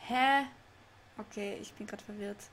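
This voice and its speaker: A woman's voice: medium pitch, measured pace, a bit bright, a little hiss or hum. A young woman streaming a game live, chatting with her chat, laughing often and getting confused. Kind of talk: live let's play with chat reading. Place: home room.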